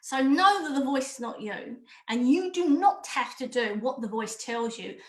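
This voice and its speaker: Woman, eating coach, high voice, blunt emphatic delivery, roomy echoey sound. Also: expressive, normal speed. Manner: direct, emphatic and repetitive. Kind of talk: online course talk.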